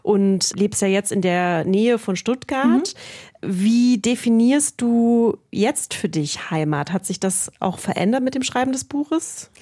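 German woman interviewer asking calmly. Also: on the high side, measured pace, few pauses. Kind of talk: interview questions.

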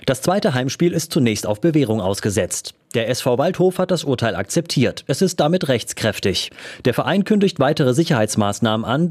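A man reading a pre-written sports report for radio news in a clear, measured way. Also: medium pitch, a little mellow.

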